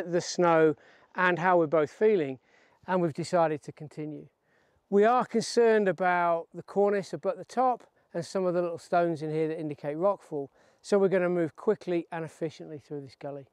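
Upbeat mountain guide outdoors. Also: male voice, fairly high pitch, a little mellow, no echo. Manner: clear, upbeat explaining. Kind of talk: outdoor instructional talk.

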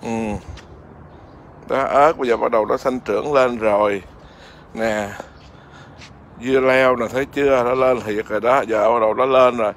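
A man's voice: medium pitch, fairly even intonation, moderate pace, long pauses, slight background noise. A man, a Buddhist monk, chatting casually outdoors in his garden and keeps asking his viewers whether they see. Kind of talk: casual home vlog.

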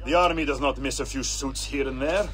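An actor playing a jaded, mocking gladiator arena master in a video game, with a coarse, theatrical manner. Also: male voice, mid-range voice, brisk, lightly acted. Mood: brisk, sardonic.

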